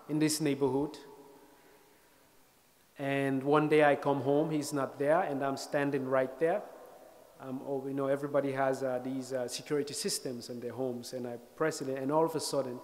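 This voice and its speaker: A man in his thirties from Sierra Leone, giving a speech as an invited speaker, telling a personal story with wry, self-deprecating humor and reflective pauses. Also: mid-range voice. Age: 30s. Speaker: guest speaker. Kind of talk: storytelling lecture. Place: lecture hall stage.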